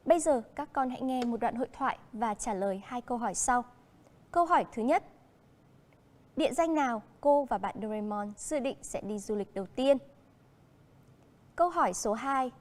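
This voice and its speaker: A woman with a Vietnamese accent teaching a primary school English lesson, speaking slowly and clearly and switching between English and Vietnamese. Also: on the high side, animated, in a large hall.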